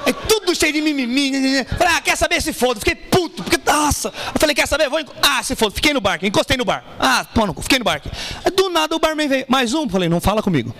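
A man's voice: extremely high pitch, fast, a little hiss or hum. A man doing stand-up, telling a story and acting out both sides of the dialogue. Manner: animated, profane, acts out both sides of dialogue. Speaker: stand-up comedian. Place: small café stage with live audience.

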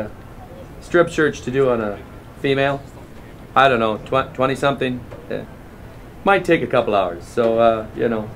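A man's voice: mid-range voice, a little hiss or hum, close to an everyday voice. A male comedian playing a pushy, leering airport security guard, talking in a sarcastic, interrogating, mock-official manner. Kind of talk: comedic character monologue.

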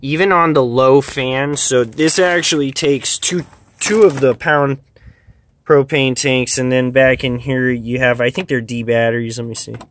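A man's voice: medium pitch, steady tone, unhurried, fairly bright tone, a little hiss or hum. A man in his thirties, chatty and plain-spoken with lots of "uh" and "um", giving camping gear advice outdoors at a campsite and talking into a handheld camera. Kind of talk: casual outdoor gear talk.

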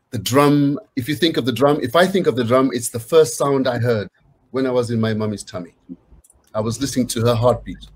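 The recording quality is low as a middle-aged man with a husky, mid-range voice reads picture books to children. He keeps it conversational in a small home room, inviting the kids to join in.

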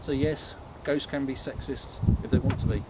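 A man leading a ghost tour, explaining things informally to a group in a halting, matter-of-fact way. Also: medium pitch, fairly even intonation. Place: on a night walking tour, in the dark. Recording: noisy outdoor night recording.

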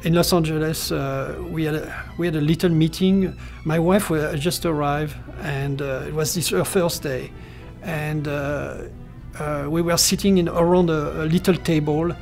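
A man's voice: on the high side, steady tone, moderate pace, creaky, darkish tone, faint music behind. A middle-aged man from France with a French accent, talking hesitantly in a seated interview, with many fillers and restarts. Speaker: character designer. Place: indoor studio room.

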